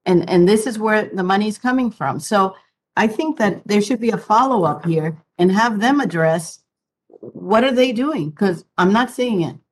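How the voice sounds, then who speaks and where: Female panelist, average pitch, direct and pressing, talking off the cuff. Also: lively intonation, moderate pace, slightly rough. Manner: blunt, insistent. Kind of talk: unscripted panel remarks.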